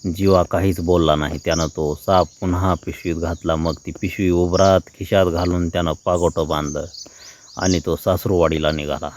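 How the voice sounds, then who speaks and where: Deep-voiced male storyteller. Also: level tone, normal speed, a little mellow, a little hiss or hum. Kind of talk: scripted story narration.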